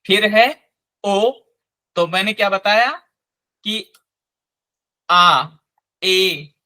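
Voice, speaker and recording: A man teaching a live online language class, slowly and patiently spelling out each sound. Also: high voice, sharp tone.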